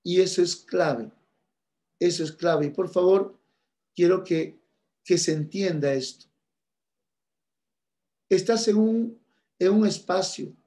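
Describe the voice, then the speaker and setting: A man with a high voice teaches a church class at an unhurried pace. He is earnest, repeats his key points and addresses listeners as brothers and sisters. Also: dark tone.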